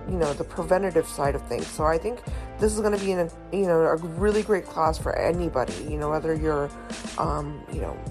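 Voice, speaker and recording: A woman hosting a skincare podcast in a casual, chatty way, full of "you know" and "like" fillers. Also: low voice. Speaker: podcast host. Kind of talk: casual interview chat.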